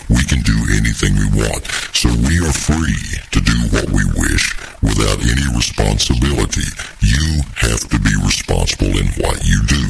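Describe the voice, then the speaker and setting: A boastful demon from hell sneers at puny humans in an extremely deep, gravelly rumble. He speaks with lazy contempt. There is a steady hiss of noise behind the voice. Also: heavily acted. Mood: scornful. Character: arrogant scornful male demon from hell. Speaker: interview guest. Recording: noisy recording.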